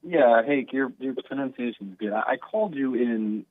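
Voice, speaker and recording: A man calling in to a talk show over the phone, speaking haltingly with frequent restarts. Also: mid-range voice, no room sound. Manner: halting, hesitant with many restarts. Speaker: caller. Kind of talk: call-in chat. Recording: tinny phone line, dry.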